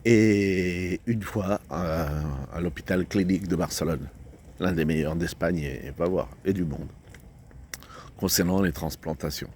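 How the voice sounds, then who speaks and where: A middle-aged man vlogging outdoors by a road, talking in a slow, halting way with many fillers and restarts. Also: low-pitched, fairly even intonation, a little mellow, a little hiss or hum. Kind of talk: casual rambling vlog talk.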